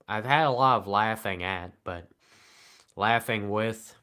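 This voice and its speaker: With a lowish, smooth voice, a streamer responds to his live chat deadpan and sarcastic, his tone flat and his remarks separated by long pauses.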